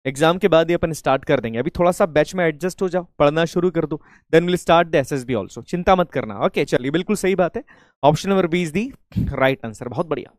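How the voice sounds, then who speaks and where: A man with a fairly high voice teaches a live online class at a moderate pace, recorded cleanly in a studio with no room sound. Sounding a bit unwell, he mixes Hindi with English, chants patriotic greetings, and keeps checking that students can hear him.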